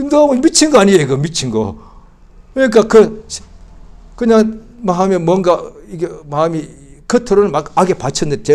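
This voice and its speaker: Lively high-voiced man preaching. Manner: animated, swinging from loud outbursts to hushed speech. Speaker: pastor. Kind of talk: Christmas sermon. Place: church service.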